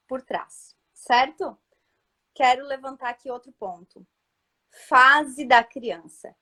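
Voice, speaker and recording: Brief: mother as guest speaker, high voice, patient and explanatory, frequent "right?" asides. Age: adult mother. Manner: calm, explanatory, often checks in with listeners. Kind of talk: live talk giving parenting advice.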